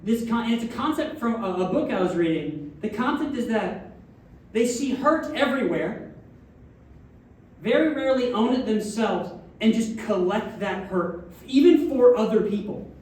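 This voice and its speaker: Guy giving a sermon, kinda high voice, super echoey church, mic far off. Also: expressive, moderate pace, darkish tone. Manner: conversational preaching with frequent audience check-ins. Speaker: minister. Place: church sanctuary. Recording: very echoey distant room mic, faint background noise.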